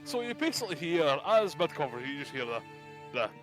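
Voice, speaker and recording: A man's voice: on the high side, big pitch swings, fast, over music. Laid-back man running a tabletop game. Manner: easygoing, rambling with fillers and restarts. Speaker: game master.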